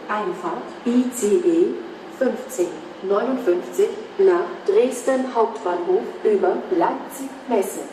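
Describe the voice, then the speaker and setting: A woman giving flat, formulaic automated railway platform announcements in separate phrases over a station loudspeaker. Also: mid-range voice. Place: train station concourse or platform. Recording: echoey station loudspeaker from far off, noisy. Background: station ambience noise.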